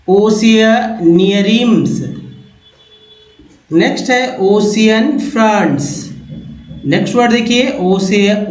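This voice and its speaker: A man teaching pronunciation, reading English words slowly one by one and repeating each. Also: sits high, echoey room, low-quality recording. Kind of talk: pronunciation lesson.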